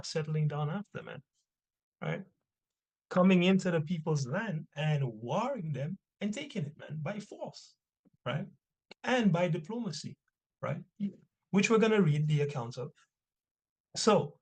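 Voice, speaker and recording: A man's voice: a little high, a little mellow. A man teaching an informal religious history class, reading texts aloud and punctuating his points with rhetorical questions and short check-in tags.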